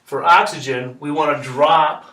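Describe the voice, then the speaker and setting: A man's voice: fairly high pitch, fairly even intonation, unhurried, pushed and bright. A man teaching a chemistry lesson step by step, patient and repetitive, checking in with "okay?". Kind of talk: classroom lesson explanation. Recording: echoey room, mic far off.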